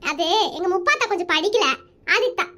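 A woman voicing a shy, timid young woman in a cartoon comedy, speaking softly and hesitantly. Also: extremely high pitch, lively intonation, brisk, full character voice. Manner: hesitant, soft-spoken, quiet.

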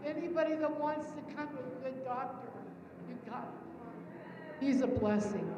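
High-pitched woman speaking in an echoey hall. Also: a little slow. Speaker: award recipient's mother. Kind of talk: heartfelt thank-you speech. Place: banquet hall stage, indoors. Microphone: handheld microphone through PA. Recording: distant echoey hall, muffled, noisy.

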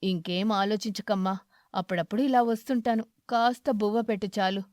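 A woman voicing a kind old male eagle who begs for food, speaking slowly and softly. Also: mid-range voice, fairly even intonation, no echo, clean studio sound, close to an everyday voice. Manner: slow, soft-spoken and pleading.

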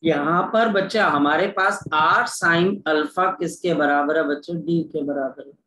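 A man's voice: fairly high pitch, measured pace, sharp tone. A man teaching a physics class online in a coaxing, repetitive way, often calling his students "kids". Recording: echoey room with faint ambient noise.

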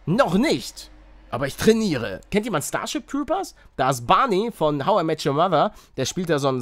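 A young man doing excitable Let's Play commentary, yelping at failures and mixing in English slang. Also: a little high, dry recording. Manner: excitable, shouts and yelps at failures; mixes English slang into his talk. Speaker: gaming YouTuber.

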